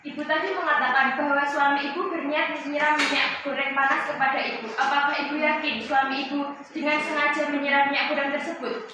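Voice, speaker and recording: A woman playing a judge in a mock trial, questioning witnesses in a formal, measured way. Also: high-pitched, flat delivery, natural voice. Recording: echoey room, distant mic, faint noise.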